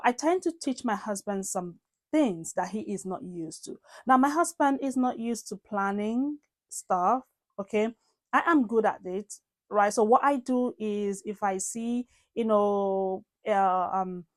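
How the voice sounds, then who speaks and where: A woman hosting a reaction video, talking to her viewers directly in a chatty way with plenty of fillers. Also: mid-range voice. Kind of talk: casual reaction commentary.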